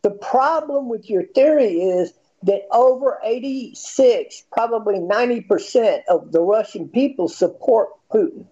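American guy in his 50s, high pitched voice, mellow tone but swingy, argues and cusses a lot. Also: animated, a little slow, hardly any pauses, lo-fi sound. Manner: argumentative, blunt, profane. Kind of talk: heated casual debate.

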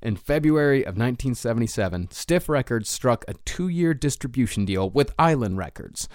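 A man co-hosting a podcast, talking in an animated way, swearing freely and laughing a lot, and at times narrating from notes. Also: mid-range voice, no echo, studio quality. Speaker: podcast co-host. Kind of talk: casual chat and read narration.

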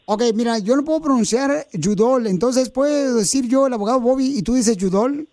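A radio host with an unusually high-pitched voice, teasing and joking on air. He talks in an animated, playful way. He is close on a studio microphone. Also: a little fast. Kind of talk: playful radio prank banter.

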